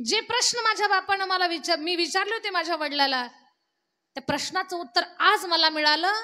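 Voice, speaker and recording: A woman voicing a grieving old father, speaking low and slow with heavy, sobbing pauses. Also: bright, forceful tone. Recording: long hall reverb.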